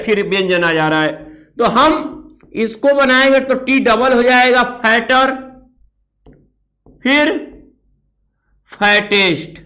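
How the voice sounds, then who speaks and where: A man's voice: very high-pitched, pushed and bright, low-quality recording. A man teaching a grammar lesson, explaining step by step, repeating key words and asking rhetorical questions as he writes on a board. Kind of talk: classroom lesson.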